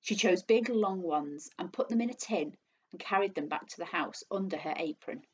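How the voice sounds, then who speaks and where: A teacher reading a children's book aloud to her class, with expressive storytelling. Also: on the low side, normal speed, slightly rough, lo-fi sound.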